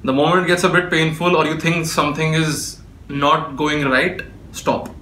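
A man teaches in a patient, step-by-step way, his voice sitting a little high for a man and sounding bright and forceful. He is recorded in a room with clear echo. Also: flat delivery, moderate pace, slight background noise. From India. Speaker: beatboxer teaching. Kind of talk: spoken tutorial. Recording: echoey room.

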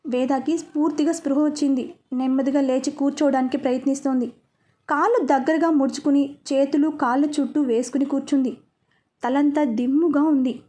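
Woman narrator, high voice, mellow tone, calm and measured story reading.

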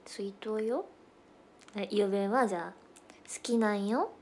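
Young woman doing a casual idol livestream, chatty, hops between dialects, mid pitch. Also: brisk, slight background noise. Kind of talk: casual livestream chat with viewers.

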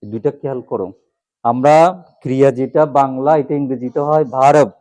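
A man's voice: mid-range voice, a little fast, warm tone, no echo. A man teaching a class, drilling letters one by one and asking questions, then answering them himself. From Bangladesh. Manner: asks questions and repeats answers. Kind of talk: classroom lesson on alphabet pronunciation.

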